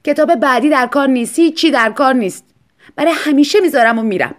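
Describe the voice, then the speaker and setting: A woman voicing a shrill, demanding rich woman writer. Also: natural voice. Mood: bitter. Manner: loud, shrill outbursts.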